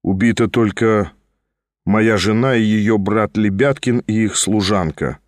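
A grim, detached young nobleman speaks low and unhurried, each word flat and heavy, as a male reader puts him on. The storybook voice is close and dry. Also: dry recording, natural voice. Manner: slow, flat and firm.

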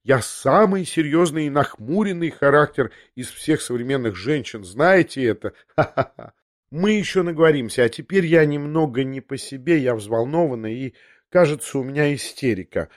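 A man's voice: mid-range voice, lively intonation, moderate pace, natural voice. A man reading an audiobook, voicing a young noblewoman who confesses in a breathless, restless way, half talking to herself, in a slightly raised voice. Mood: agitated. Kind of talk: audiobook character voice.

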